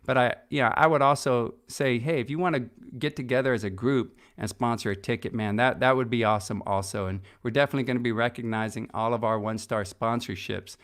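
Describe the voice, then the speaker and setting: Clear-voiced enthusiastic male podcast host. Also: medium pitch, quick pace, hardly any pauses. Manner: energetic, enthusiastic, with many fillers and restarts. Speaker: podcast host and conference organizer. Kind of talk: casual promotional podcast talk.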